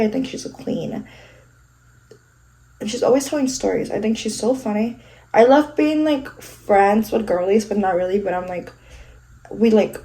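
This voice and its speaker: A woman's voice: mid-range voice, dark tone, low-quality recording. A congested young woman filming a casual makeup vlog at home, rambling and joking about herself with casual swearing. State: congested, sniffling. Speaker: vlogger. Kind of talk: casual get-ready-with-me chat.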